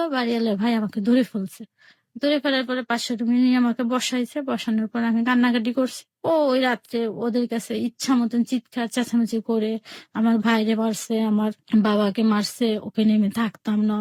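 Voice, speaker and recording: A woman's voice: a little high, a little mellow, no room sound. A woman from Bangladesh telling her own life story on a radio call-in show, plainly and with many repetitions, acting out every exchange in quotes. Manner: plain spoken, repeats herself, retells each exchange in quotes.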